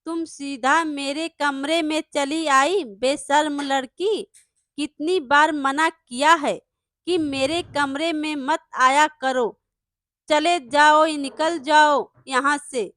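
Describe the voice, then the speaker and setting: A woman doing a loud, boastful male landlord. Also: high voice, slow, no room sound, studio quality, exaggerated voice. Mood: scolding. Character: arrogant shouting male landlord painter, middle-aged.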